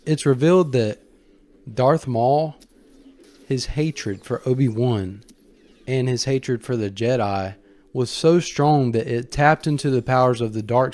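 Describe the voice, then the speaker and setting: A man's voice: mid-range voice, darkish tone, dry recording. Man telling a story with emphatic fan commentary. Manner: colloquial, fan-like asides. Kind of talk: casual storytelling commentary on a film franchise.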